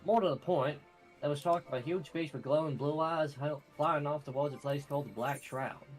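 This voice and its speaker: A man reading a gruff, folksy adventurer informant's game dialogue aloud in a drawling manner. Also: fairly high pitch, fairly quick, soft background music, lightly acted, rough recording.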